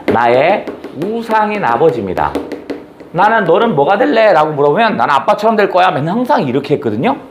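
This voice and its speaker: A man retells a novel's story as a lecture, his voice sitting slightly high. His pitch rises and falls in lively swings, and he keeps pausing to ask questions he then answers himself. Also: slight background noise. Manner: animated, asks rhetorical questions then answers them. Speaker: book lecturer.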